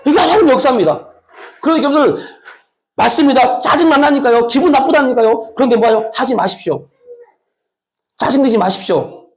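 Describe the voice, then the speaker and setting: A man's voice: sits high, a little mellow. A man preaching a sermon as pastor. He is emphatic, asks many rhetorical questions, and mixes frank, colloquial asides with exhortation.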